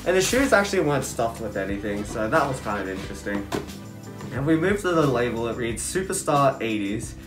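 A man's voice: medium pitch, big pitch swings, brisk, music in the background. A young adult man giving a casual, laid-back product review to camera, talking through a cloth face mask. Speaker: sneaker reviewer, video host. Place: indoors, small room at home.

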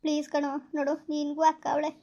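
A woman's voice: sits high, monotone, fast, warm tone, natural voice. A woman playing a heartbroken young woman who pleads tearfully with her lover in a village skit, on a dull lo-fi recording. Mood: pleading. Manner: pleading, tearful, repeats please.

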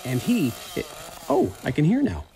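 Male reporter doing a talking wooden teddy bear, jokey, theatrical, lively swooping pitch, faint background noise. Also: normal speed, gravelly, exaggerated voice. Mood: playful. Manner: jokey, teasing, theatrical asides. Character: chatty wooden teddy bear carving, playful. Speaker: TV news reporter. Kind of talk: first-person narrated news feature.

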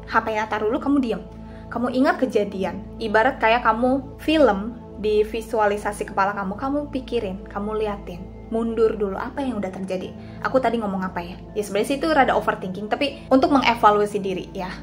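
A woman's voice: mid-range voice, a little fast, faint music behind. A young woman in her twenties giving casual, confiding advice straight to her viewers, like a vlogger chatting about feelings. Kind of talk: casual talking-head advice.

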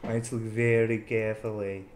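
A man's voice: fairly low pitch, level tone, fairly quick, reverberant, slight background noise. A man playing a horror game and talking himself through it, often flustered. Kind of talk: casual gameplay commentary.

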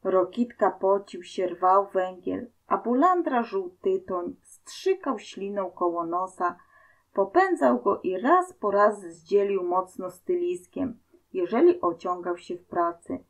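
A woman reading a folk tale aloud as narrator, in a slow, expressive storytelling manner. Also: medium pitch, rough recording.

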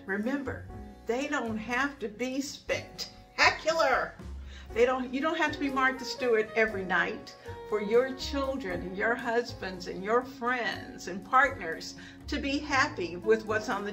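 With soft music playing in the background, an older woman talks through her home kitchen vlog in a slightly high, expressive, unhurried voice that is bright and forceful. She offers homespun advice and grateful asides in a casual chat, filmed in her kitchen and dining room.

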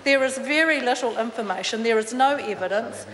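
A woman's voice: fairly high pitch, a little fast, fairly bright tone. A middle-aged woman, an opposition member of parliament giving an indignant debate speech full of fillers and restarts, at a desk mic in a large wood-panelled chamber. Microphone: desk microphone. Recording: reverberant chamber with faint ambience.

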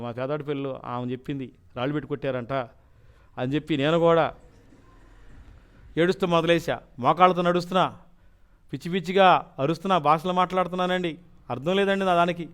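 A man giving an earnest, emotional religious testimony, politely addressing his listeners. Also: a little high.

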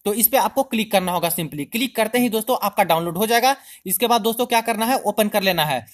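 A man's voice: high voice, fast talker. A man hosting a channel, talking viewers through an online process step by step in a chatty screen-recording tutorial, constantly calling them friends. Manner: step-by-step instructional. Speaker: YouTube channel host.

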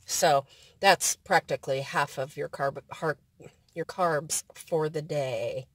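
A woman's voice: deep voice, steady tone, slow pace, no echo. A woman vlogging casually as she cooks in her van, hesitant and full of ums. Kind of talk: casual cooking vlog. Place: inside a van kitchen.

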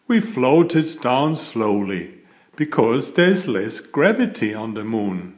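An author reads his own picture book aloud in a slow, lively male voice of medium pitch. The scripted narration is deliberate and expressive, pitched for small children.

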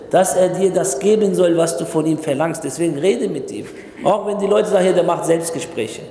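A man's voice: high-pitched, creaky, mellow. A man preaching a sermon, urging listeners directly and repeating himself for emphasis. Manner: emphatic, repetitive exhortation addressing listeners directly. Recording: echoey hall with long reverb.

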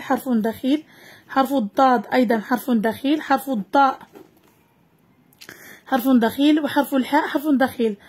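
A woman teacher with a Moroccan accent, giving a recorded lesson for young children and slowly sounding out letters and syllables. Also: high-pitched, a little mellow, husky.

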